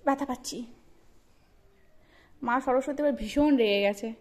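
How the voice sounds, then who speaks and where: A young woman with a high voice speaks casually to her child. She teases, coaxes and scolds lightly, in a warm and playful way. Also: a little slow. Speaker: mother filming her child. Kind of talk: casual family chat with a child.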